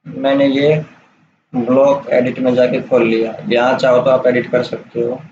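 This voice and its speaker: Man, software tutor, relaxed chatty explaining, echoey room, faint background noise. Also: mid-range voice, normal speed, gravelly. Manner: casual, explains step by step with "theek hai" checks. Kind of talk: screen-recorded software tutorial. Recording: roomy, dull lo-fi sound with faint hiss.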